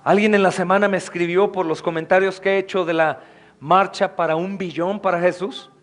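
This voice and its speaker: A male pastor preaching a sermon with fervor, often calling out to his congregation as brothers. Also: sits high.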